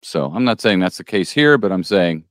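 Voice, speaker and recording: A man co-hosting a local news show, laid-back and joking as he banters. His voice is fairly low and comes across dry and close, with no room around it. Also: expressive, moderate pace, dry recording. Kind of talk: casual local news chat.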